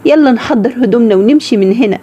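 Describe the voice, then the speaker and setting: A woman's voice: fairly high pitch, quick pace, warm tone, slightly rough, muffled recording. A young woman voicing frightened teenage sisters forced into marriage, speaking anxiously with an Egyptian accent. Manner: pleading, anxious. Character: frightened young sisters, nineteen-year-old girls.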